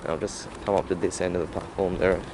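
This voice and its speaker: Male vlogger, low register, tentative off-the-cuff commentary, heavy outdoor background noise. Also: little pitch movement, quick pace. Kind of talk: casual train-spotting vlog commentary. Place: outdoor train platform. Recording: loud outdoor wind and traffic noise.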